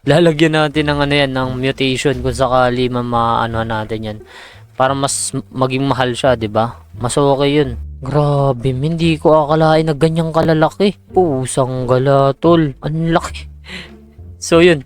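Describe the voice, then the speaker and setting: A man giving casual, excitable commentary on a farming game, with exclamations over big crops. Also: mid-range voice, measured pace, clean tone. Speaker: gaming streamer. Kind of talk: casual Roblox gameplay commentary.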